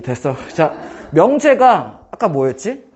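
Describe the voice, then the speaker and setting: A man teaching math in a casual one-on-one lesson, firing quick questions at his student and joking. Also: fairly high pitch, sing-song, darkish tone, muffled recording. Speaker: math tutor.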